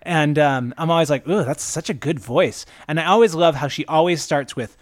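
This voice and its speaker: Man, podcast co-host, slightly high voice, eager and rambling, dry close sound. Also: normal speed, no echo. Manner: enthusiastic, rambling, self-described nerd. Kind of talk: casual chat.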